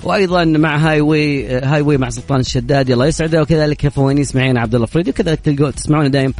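A man with a Saudi accent hosting a live radio quiz show with callers, joking and chatty. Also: fairly high pitch. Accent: Saudi Arabic. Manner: fast, jokey and chatty. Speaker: radio host. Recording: radio studio with loud music bed.

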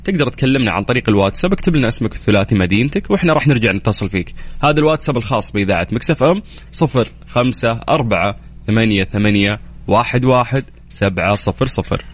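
Saudi male radio host, young, quick banter, animated delivery. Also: mid-range voice. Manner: teasing, playful, counts down quickly. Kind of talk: quiz call-in radio chat.

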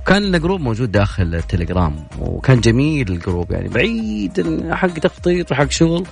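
A man's voice: medium pitch, very animated, creaky, faint music behind. A man hosting a casual radio talk show, chatty and playful. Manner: chatty, playful, fast-talking. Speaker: radio host.

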